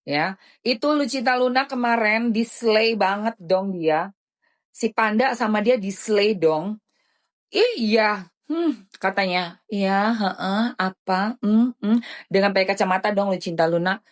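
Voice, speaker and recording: Lady live-selling, chatty and slangy, gets indignant, mid-pitched voice. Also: slow pace. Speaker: live-stream seller. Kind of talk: casual live-stream chat.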